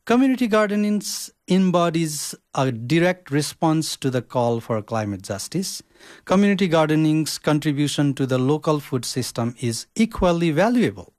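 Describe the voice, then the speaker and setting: A young man from Nepal, a social work student, reading his podcast script in a careful, measured way. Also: fairly high pitch, sing-song, a little mellow, dry recording, studio quality.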